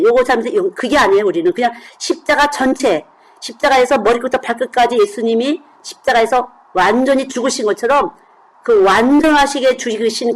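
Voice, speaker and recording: A woman's voice: a little high, rough recording. A middle-aged woman delivers a sermon in an easy, talking tone. She keeps turning to the congregation with questions. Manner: conversational, asks the congregation questions. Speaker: children's missionary preacher.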